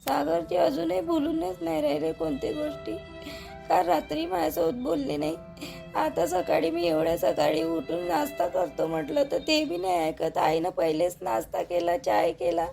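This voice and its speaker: A hurt, pleading young daughter-in-law, acted by a woman in a homemade village family drama. Her high voice, with faint music underneath. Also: animated, moderate pace, creaky, exaggerated voice. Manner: pleading, tearful.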